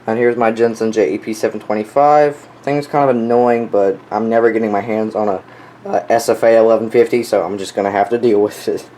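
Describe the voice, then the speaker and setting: Speaking a little fast in a low, mellow, steady voice, a young man shows his weather radio collection in an unscripted, casual way. He comes across as an offhand, enthusiastic hobbyist on a clearly noisy home recording.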